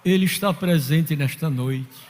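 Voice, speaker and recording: A man's voice: on the high side, unhurried, a little mellow, faint music behind. A man preaching a fervent sermon as pastor in a church, telling stories and acting out the people in them. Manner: fervent preaching with story-telling and quoted voices. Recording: long hall reverb.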